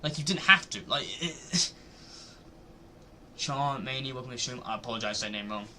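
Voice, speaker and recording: A man's voice: medium pitch, expressive, moderate pace, a little hiss or hum. A man streaming live, reacting to a video and arguing his point over and over. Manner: argumentative, repeats himself, gets loud when annoyed.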